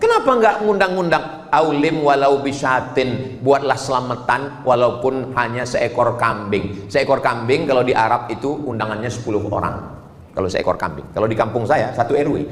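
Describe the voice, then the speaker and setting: A man preaching a humorous sermon, acting out little dialogues with lively shifts of voice. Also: fairly quick. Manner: animated, acts out dialogues with shifting pitch. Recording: echoey hall with long reverb.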